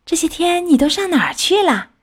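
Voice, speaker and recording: A woman's voice: fairly high pitch, very animated, moderate pace, slightly rough. A woman voicing an eager little minnow fish. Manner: eager and questioning. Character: curious young minnow fish.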